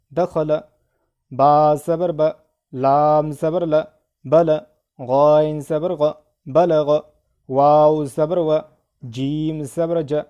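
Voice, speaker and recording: A man with an Indian accent leads a Quran reading lesson, spelling each Arabic letter and vowel mark in a very slow, deliberate rhythm. His voice sits a little high but sounds dark and mellow. He hurries through the short explanations between drills.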